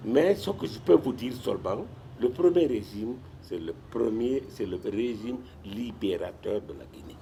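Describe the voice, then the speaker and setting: A low-voiced older man tells his stories in a sit-down interview. His pitch rises and falls widely as he goes. He restarts and repeats himself often. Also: moderate pace, creaky, few pauses, a little hiss or hum. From Guinea. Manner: animated storyteller with frequent restarts and repetitions. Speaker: retired sports administrator and guest.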